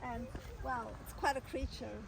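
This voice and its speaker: High-voiced woman interviewer, distant and noisy. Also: steady tone, normal speed, creaky. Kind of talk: casual interview. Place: outdoors at a zoo. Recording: distant mic, loud outdoor noise.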